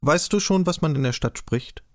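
A man voicing an excited woman, the hero's sister, asking hasty, agitated questions in an audiobook. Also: mid-range voice, normal speed, dry recording, clean studio sound. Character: excited middle-aged sister, hurried.

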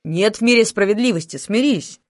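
A woman reading an audiobook voices a blustering, jokey middle-aged male boss who talks gruffly with slow, bossy emphasis. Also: mid-range voice, animated, no room sound, studio quality, close to an everyday voice. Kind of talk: audiobook character voice.

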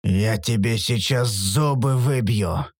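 A man voicing a gruff male mercenary leader with a husky, hissing, threatening voice. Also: lowish voice, slow, no room sound, studio quality, voice pushed down. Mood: menacing.

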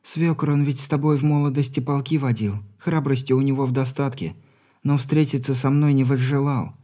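A man's voice: medium pitch, flat delivery, fairly quick, mellow, pitched above the performer's own voice, natural voice. A man reading an audiobook, voicing a confident young granddaughter in a firm whisper. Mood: firm, pleading.

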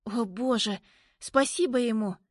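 A woman voicing a timid, easily frightened young woman in an audiobook, speaking high and hesitantly. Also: fairly even intonation, a little slow, no room sound, clean studio sound, lightly acted. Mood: timid, anxious. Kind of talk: audiobook reading.

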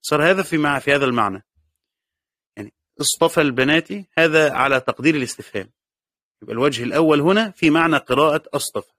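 A man's voice: fairly high pitch, quick pace, a bit bright, no room sound, clean studio sound. Egyptian man lecturing on a text. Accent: Egyptian Arabic. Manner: reads a passage aloud, then explains it, repeating key words. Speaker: teacher of Quran commentary. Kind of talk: classroom lecture reading and explaining a text.

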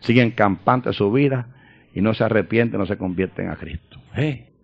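A man preaching a sermon, swinging between loud emphatic proclamation and quiet personal storytelling. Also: lowish voice, moderate pace, gravelly, no room sound. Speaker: pastor. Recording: dull lo-fi sound.

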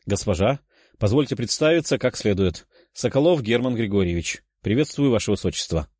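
A man's voice: fairly low pitch, expressive, a little fast, darkish tone, no echo, studio quality. A man voicing a polite, earnest young nobleman who speaks formally. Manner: formal, courteous.

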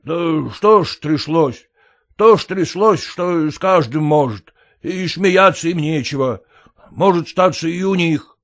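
A man voicing an illiterate, clumsy peasant who pleads in rustic, halting speech with fillers. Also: on the high side. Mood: grumbling.

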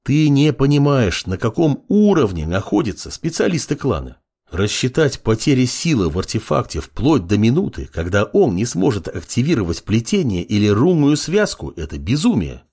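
A man's voice: medium pitch, big pitch swings, moderate pace, darkish tone, breathy edge, voice pushed up. A man voicing a distracted young apprentice mage in an audiobook, speaking in a slightly raised voice. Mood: insistent. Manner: distracted, exasperated. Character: young male apprentice mage, absorbed and irritable.

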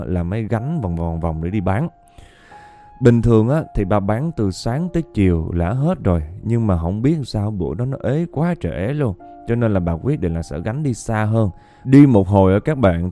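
A man's voice: lowish voice, mellow. A man narrating ghost stories in a chatty way, often speaking straight to his listeners. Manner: chatty, keeps addressing listeners. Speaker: storyteller.

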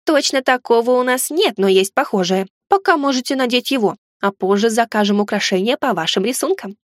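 A woman doing a fussy excitable fairy spirit. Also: on the high side, fairly quick, no echo, clean studio sound, natural voice. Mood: chirpy. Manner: excitable, theatrical. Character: fussy chatty female fairy house spirit.

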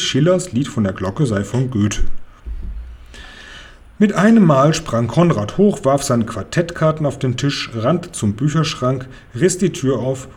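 A man reading a children's novel aloud in a lively storytelling manner. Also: mid-range voice. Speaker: reader.

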